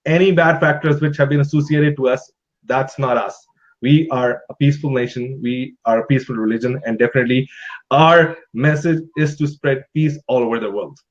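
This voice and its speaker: Agreeable male host of mid pitch, halting and filler-heavy, on a slightly muffled live stream. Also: steady tone. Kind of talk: online talk show interview.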